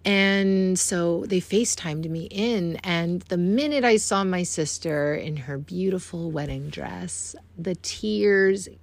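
A woman's voice: fairly low pitch, takes it slowly, hardly any pauses. A woman hosting a podcast from home, speaking in an earnest, reflective way and often addressing listeners directly as "you guys.". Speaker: podcast host. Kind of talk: casual self-help talk.

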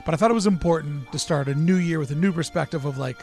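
A man's voice: fairly high pitch, quick pace, darkish tone, faint music behind. A man hosting a show, speaking as a commentator and interviewer. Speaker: show host. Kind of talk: scripted commentary and casual interview chat.

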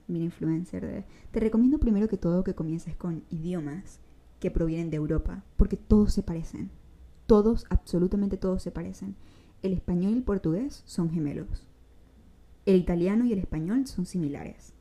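Young Venezuelan woman, solo podcast host, very mellow dark tone, chatty and direct. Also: fairly low pitch, normal speed. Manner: chatty, direct, addresses the listener with advice; uses casual slang. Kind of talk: casual solo podcast monologue.

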